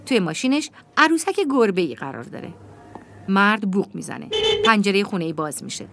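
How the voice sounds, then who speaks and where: A woman's voice: mid-range voice, slight background noise. Woman reading film audio description. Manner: plain, even reading. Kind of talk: scripted audio description narration.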